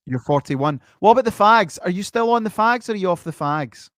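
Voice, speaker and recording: A man's voice: high-pitched, animated, a little fast, a bit bright, no room sound, clean studio sound. A man in his forties hosting a livestream with casual, opinionated chat that often repeats phrases. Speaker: livestream host.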